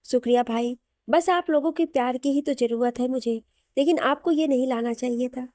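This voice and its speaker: A woman voicing a hurt but loving young wife who speaks softly and emotionally. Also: high voice, normal speed, no room sound, studio quality, natural voice. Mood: tender. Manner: soft, pleading, emotional.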